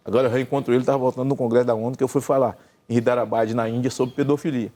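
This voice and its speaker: An older Brazilian man telling a long personal story in casual chat, acting out the dialogue with lively swings in his voice. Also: medium pitch, rapid-fire. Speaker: gospel singer and senator telling a story.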